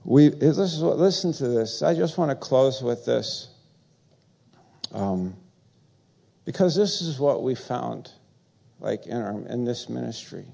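A male pastor preaching a sermon in a church, earnest and halting, with many fillers and sudden excited rises. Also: mid-range voice, creaky.

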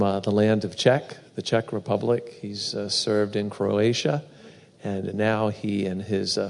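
A man's voice: fairly low pitch, darkish tone. A male church host giving casual announcements and introducing the next speaker, hesitant and full of fillers. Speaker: service host. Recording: echoey hall.

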